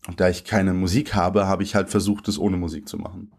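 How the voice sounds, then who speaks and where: A man who is a poet, talking thoughtfully about his writing in an interview, with some halting restarts. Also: deep voice, steady tone, vocal fry, darkish tone, husky. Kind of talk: conversational interview, then poetry reading.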